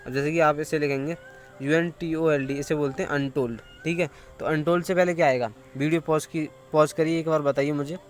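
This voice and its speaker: Higher-voiced man explaining a lesson. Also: steady tone, brisk. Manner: explanatory, asks questions, then answers them. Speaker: English teacher. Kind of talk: classroom-style explanation to students.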